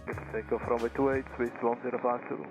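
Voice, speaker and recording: A man's voice: medium pitch, flat delivery, quick pace. A male airline pilot giving clipped radio readbacks over a cockpit headset. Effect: pilot radio call over a cockpit headset. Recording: muffled radio transmission with music.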